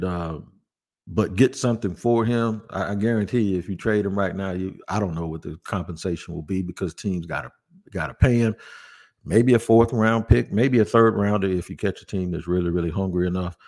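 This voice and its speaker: A man hosting a sports podcast, talking through roster moves in a casual, conversational way and often repeating words for emphasis. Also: fairly low pitch. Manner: conversational, thinks aloud with restarts and emphatic repeats. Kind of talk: casual sports talk with host-read ads.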